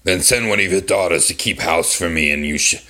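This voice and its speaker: A man's voice: sits low, fairly quick, sharp tone. A man voicing an angry male beast who scolds a thief in a storybook. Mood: stern scolding. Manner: stern, scolding. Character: gruff, angry male beast, castle master.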